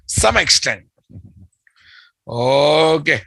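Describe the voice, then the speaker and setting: A man's voice: a little high, lively intonation, very slow, vocal fry, pushed and bright, no echo. A man with a Telugu Indian accent teaching a live technical class, bluntly questioning his students and repeating key phrases. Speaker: programming instructor.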